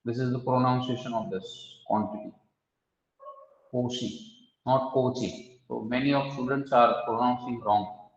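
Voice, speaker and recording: A man's voice: mid-range voice, steady tone, normal speed. Lecturing man in an echoey hall. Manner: explains step by step, quizzes the class. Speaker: mathematics lecturer. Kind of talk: classroom lecture. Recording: echoey hall, dull lo-fi sound.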